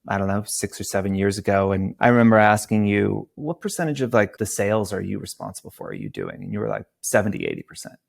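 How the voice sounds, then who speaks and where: A man's voice: fairly low pitch, vocal fry, dry recording, clean studio sound. A man from Georgia, a company founder talking as a podcast guest, telling stories animatedly and acting out quotes. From Georgia, USA. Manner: animated storyteller who acts out quotes. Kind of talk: casual interview talk.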